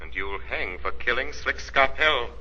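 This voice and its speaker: An actor playing the Shadow, an unseen crime-fighter, with a commanding, taunting, deliberate delivery in 1930s radio drama style. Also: male voice, mid-range voice, expressive, pushed and bright, heavily acted. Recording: noisy, muffled old radio recording.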